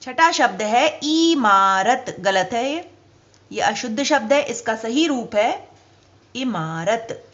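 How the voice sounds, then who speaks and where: A woman teacher giving a spelling lesson to children, speaking slowly and deliberately and stressing each example word. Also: on the high side, lively intonation, dull audio.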